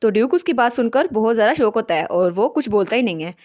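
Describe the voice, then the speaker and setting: Woman retelling a comic story, chatty and lively, kinda high voice. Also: fast talker. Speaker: storytelling narrator. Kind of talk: storytelling narration.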